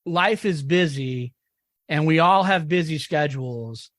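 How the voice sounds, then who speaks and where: A man's voice: a little high, measured pace, a bit bright, no room sound, clean studio sound. A man hosting a podcast, talking eagerly with many restarts and small laughs. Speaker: podcast host. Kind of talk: casual interview chat.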